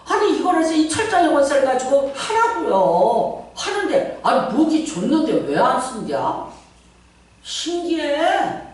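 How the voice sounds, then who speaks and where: A woman's voice: sits high, sing-song, moderate pace. Woman pastor, middle-aged, fervent sermon, heard from far off in a very echoey church hall. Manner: fervent, dramatic, shifts between shouting and hushed asides. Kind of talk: Pentecostal sermon. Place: large church sanctuary.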